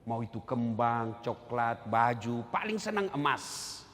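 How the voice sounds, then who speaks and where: A man's voice: medium pitch, sing-song, unhurried, noisy background. A male preacher gives a humorous sermon to a hall audience, joking and acting out dialogues between husband and wife. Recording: reverberant hall, faint ambience.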